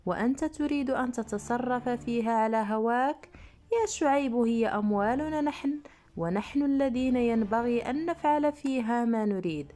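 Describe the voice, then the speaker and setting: A woman's voice: on the high side, very animated, moderate pace, a little mellow. A woman voicing the mocking, arrogant men of an ancient people in a retold religious story, speaking in a scornful, taunting way.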